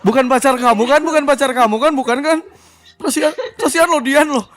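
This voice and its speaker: A man's voice: extremely high pitch, a little fast, a bit bright. A young man hosting a live radio matchmaking call-in, joking and teasing the callers. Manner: teasing, jokey, bursts into hype when announcing. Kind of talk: playful live call-in banter.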